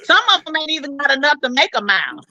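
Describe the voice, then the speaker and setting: A woman talking bluntly and loudly in a casual podcast chat, full of slang. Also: high-pitched, sing-song, racing, no room sound, dull audio. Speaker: panelist.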